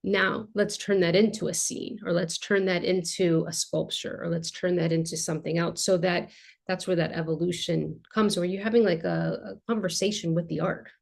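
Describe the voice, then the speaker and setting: A woman in her thirties, an art therapist, describes her work during a casual video-call interview, her voice lowish, gravelly, and moderately paced. She's animated, gesturing with her hands and using plenty of fillers, speaking from a home art studio lined with shelves through a webcam.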